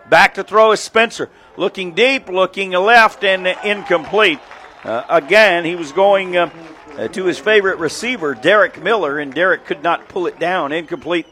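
Bright high-voiced male play-by-play announcer. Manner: rapid excited calls of plays, counting yard lines. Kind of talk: local radio football commentary.

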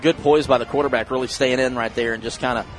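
Man, American accent, mid-pitched, very quick talker, conversational football color commentary. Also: fairly even intonation, faint music behind. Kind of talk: live football analysis, conversational.

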